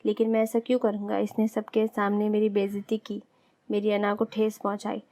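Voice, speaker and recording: Woman voicing young husband, proud, stubborn, firm then tender, level flat delivery, storybook romance. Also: mid-range voice, no echo, close to an everyday voice. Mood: defensive, stubborn.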